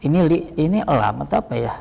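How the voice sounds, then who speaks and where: A man teaching an Arabic grammar lesson, explaining slowly, repeating terms and asking questions that he answers himself. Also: on the high side, animated, vocal fry, warm tone, in a large hall.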